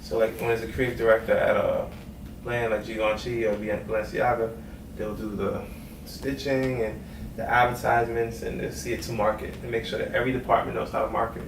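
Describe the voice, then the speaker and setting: A music executive born in Trinidad and Tobago and raised in Brooklyn speaks fairly quickly in a low, creaky voice with little pitch movement. He's laid-back and conversational in this interview, saying "you know what I mean" a lot. A distant mic in a noisy, echoey room captures him.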